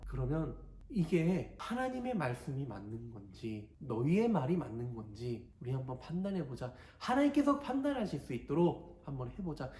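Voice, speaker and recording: Guy doing a calm older leader, soft and slow, lots of room echo. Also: close to an everyday voice. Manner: low, quiet, measured. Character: calm patient leader, older man, steady. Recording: echoey church hall.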